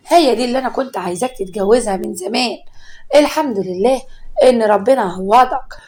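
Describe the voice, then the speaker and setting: A woman with an Egyptian accent voicing a domineering older mother-in-law, loud and scolding. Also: a little high, lightly acted. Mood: gloating.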